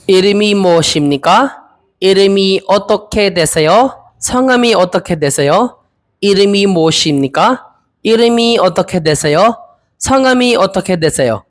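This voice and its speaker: Guy in his 20s drilling korean interview answers, halting, says everything twice. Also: sits high, expressive. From Philippines. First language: Filipino. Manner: hesitant, repeats each phrase slowly. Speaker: Korean language learner. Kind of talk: practicing interview answers aloud.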